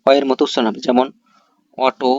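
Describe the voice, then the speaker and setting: A man's voice: mid-range voice, level tone, brisk, darkish tone, no room sound, dull audio. A man giving a pronunciation lesson, explaining rules step by step and putting questions to himself and then answering them. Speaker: English teacher. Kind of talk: spoken English pronunciation lesson.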